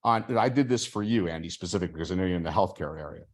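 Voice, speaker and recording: A man with a lowish voice hosts a casual online community call. He talks with animated energy and slips into mock sales pitches to make his points, heard through a video call mic. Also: rapid-fire.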